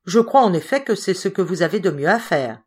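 A woman voicing a brisk, dismissive male expedition leader in an audiobook. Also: high-pitched, lively intonation, slightly rough. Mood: impatient. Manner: brisk and reassuring.

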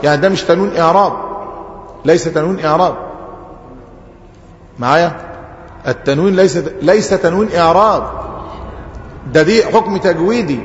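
Speaking briskly at a fairly high pitch, with long pauses, the sheikh asks his class questions about Arabic grammar and then answers them himself. He has an Egyptian accent, and the recording is dull and lo-fi, in an echoey hall.

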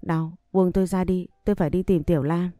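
A woman's voice: fairly low pitch, fairly even intonation, fairly quick, mellow, dry recording, clean studio sound, faint music behind, lightly acted. A woman voicing a childlike young man who pleads in fear, in an audio story. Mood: plaintive. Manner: pleading, fearful.

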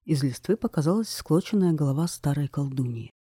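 A man reads a children's fairy tale in a gentle, expressive storytelling manner. His voice is mellow and a touch high, recorded close and dry. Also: brisk, slightly rough, dry recording. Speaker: narrator. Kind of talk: storybook reading.

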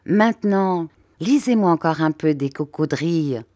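A sullen middle-aged housekeeper from a storybook, curt and grumbling in a low voice, as a woman reads her lines. The recording is dry and close. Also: animated, unhurried, warm tone, dry recording. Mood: coaxing.

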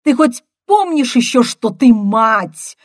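A woman's voice: medium pitch, sing-song, slow, mellow. A woman voicing an exasperated young man who raises his voice indignantly, in an audiobook reading. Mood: shouting. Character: young man, exasperated brother, quick to shout.

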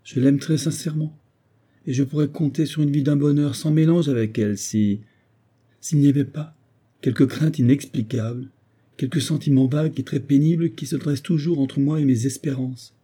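A man's voice: mellow, natural voice. A man voicing an anguished young widower, haunted by his dead wife and pleading emotionally. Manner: pleading, emotional, rising in pitch.

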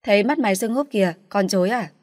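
Brief: woman playing a rude young sister, high and sharp, dry sound. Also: animated, quick pace, no room sound, natural voice. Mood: snappish. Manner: snappish, contemptuous.

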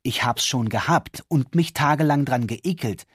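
A man voicing a scornful young courtesan who scolds and mocks, with a husky voice in a fairy-tale reading. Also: measured pace, no room sound, clean studio sound. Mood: scolding. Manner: shrill, scolding.

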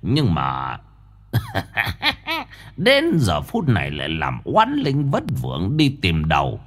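A gruff old ghost master, played by a male narrator, lecturing slowly and cryptically. His low, husky voice swings widely in pitch, unhurried and ominous, like a voice from an audiobook ghost story. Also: huge pitch swings, a bit bright, exaggerated voice. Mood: cryptic. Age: older. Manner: slow, gravelly mock-wise lecturing.

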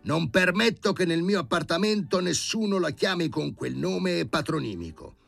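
A man voicing an elderly, gray-haired professor who is imperious and irascible, shouting in indignation in an audiobook reading. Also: fairly high pitch, animated, normal speed, creaky, no room sound, faint music behind, pitched above the performer's own voice, exaggerated voice. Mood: indignant.

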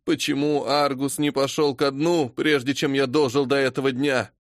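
A man voicing a grief-stricken young widower who bursts out in loud, anguished lines. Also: mid-range voice, lively intonation, normal speed, no echo, studio quality, close to an everyday voice.

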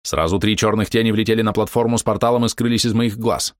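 A man giving steady, measured first-person narration of a fantasy audiobook. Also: fairly low pitch, no room sound, studio quality.

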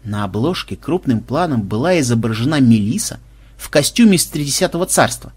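A man narrating an audiobook in a lively, expressive reading. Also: medium pitch, fairly quick, husky. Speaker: audiobook reader.

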